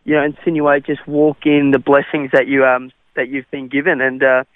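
Speaking at a moderate pace in a mid-range monotone, this young cricketer from South Africa is a radio interview guest. Afrikaans is his native tongue, though his accent sounds Australian, and he answers haltingly with many fillers. The dry recording has the tinny quality of a phone line on radio.

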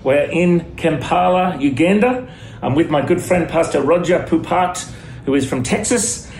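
A man's voice: fairly high pitch, a little slow, music in the background. A man hosting an interview show, asking his guest about his life and nodding along with short affirmations. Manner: brief affirming backchannels. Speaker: host. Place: in Kampala, Uganda. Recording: echoey room, faint noise.

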